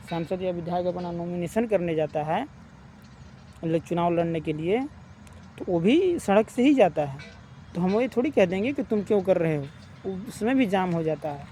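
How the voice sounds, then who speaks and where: A man's voice: sits high, warm tone, slight background noise. A man giving spoken opinion commentary, arguing his point with rhetorical questions and repeated phrases. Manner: argumentative, asks rhetorical questions; repeats points, addresses listeners as brothers. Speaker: opinion vlogger.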